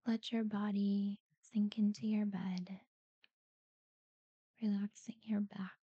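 A woman guiding a sleep meditation in a soft, breathy near-whisper, soothing and unhurried, with long pauses between short phrases. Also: mid-range voice, little pitch movement, no room sound, dull audio. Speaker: guided relaxation narrator. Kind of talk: guided sleep meditation talkdown.

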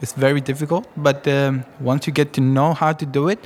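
A man from Afghanistan with an Afghan accent, speaking English in a casual interview about his fundraising award, pausing often with ums. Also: mid-range voice, level tone, slightly rough. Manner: hesitant, with frequent ums.

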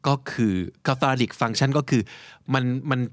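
A man's voice: medium pitch, steady tone, slow, dry recording, studio quality. A man hosting a podcast in a casual, teacherly way, explaining English words as he talks. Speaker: podcast host. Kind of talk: bilingual casual podcast chat.

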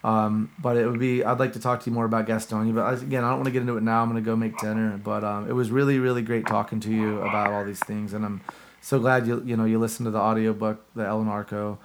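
A man's voice: lowish voice, flat delivery, fast talker. A man hosting a podcast over a video call, talking in a loose, rambling, casual way. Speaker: podcast host. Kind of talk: casual chat.

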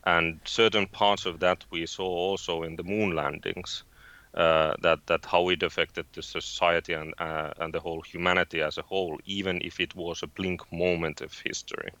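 A man from Finland with a Finnish accent, a guest in an interview, speaking haltingly with many fillers and restarts. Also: low voice, little pitch movement, pushed and bright, no echo, dull audio. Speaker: guest, space company founder. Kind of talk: interview conversation.

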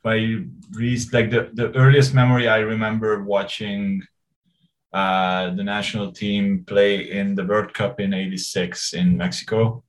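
A man's voice: on the low side, level tone, unhurried, poor audio. Chuckling hesitant man from Hungary. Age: 40s. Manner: rambling, hesitant, laughs often. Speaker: interview guest. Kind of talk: casual conversational interview.

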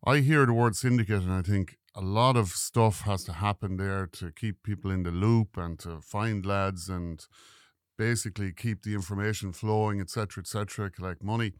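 A man's voice: on the low side, fairly even intonation, normal speed, no echo. A man with an Irish accent interviewing conversationally as a podcast host, close on a studio microphone.

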